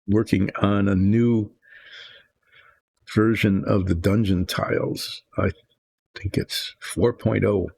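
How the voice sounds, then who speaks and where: Gravelly older man chatting while painting. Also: on the low side, steady tone, slow pace, long pauses, a little mellow, no echo. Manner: rambling, thinking aloud with restarts. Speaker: hobby painting host. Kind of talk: relaxed workshop chat while painting. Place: home workshop.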